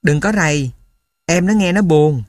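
A man reading a story and voicing a soft-spoken, tactful young woman nurse. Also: fairly high pitch, unhurried, dry recording, clean studio sound, lightly acted. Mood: gentle. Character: gentle young female guerrilla nurse.

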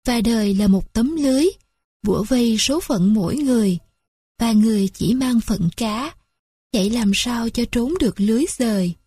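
A woman narrates a literary story in a lyrical, mournful reading. Her voice is husky and sits fairly high. The recording is dry and close, with no room sound. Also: moderate pace, mellow, dry recording.

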